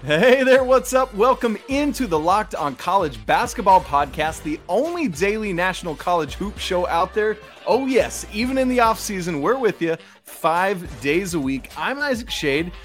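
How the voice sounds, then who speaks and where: A man's voice: high voice, sing-song, normal speed, hardly any pauses, a bit bright, soft background music. A man with a Georgia accent hosting a sports podcast, exclamatory and folksy, addressing listeners like buddies. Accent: Georgia, American South. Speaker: podcast host.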